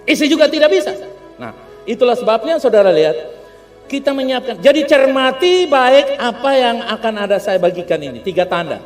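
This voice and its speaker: A man preaching a humorous, animated sermon, calling on the congregation to respond. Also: very high-pitched, fairly quick. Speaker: pastor. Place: church hall. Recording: long church hall reverb with faint music.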